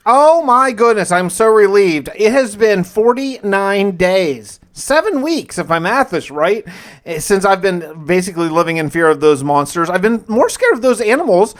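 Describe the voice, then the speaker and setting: A man recounts his survival game challenge in first person, speaking in a fairly high voice at a moderate, animated pace. It feels like a confiding personal log, casual in tone and peppered with mild everyday exclamations.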